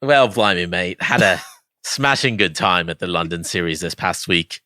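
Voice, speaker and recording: A cheery mock-British bloke full of slang, put on by a man. The voice sits low with a bright, forceful edge, and the hammy accent wobbles on purpose. It sounds dry and close to the mic. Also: expressive, normal speed, no room sound. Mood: jolly.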